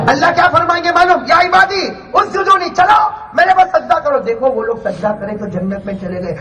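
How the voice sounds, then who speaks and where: High-voiced preacher chanting to a crowd. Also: male voice, a little mellow, muffled recording. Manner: prompts the crowd to answer aloud, chants Quran recitation melodically. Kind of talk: sermon with call and response. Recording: echoey, distant mic, faint noise.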